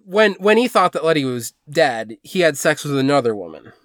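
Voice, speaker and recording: A man's voice: fairly high pitch, sing-song, normal speed, a bit bright, dry recording, clean studio sound. A man co-hosting a podcast, recapping movies in a casual chat and rambling with lots of fillers and restarts. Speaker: podcast co-host.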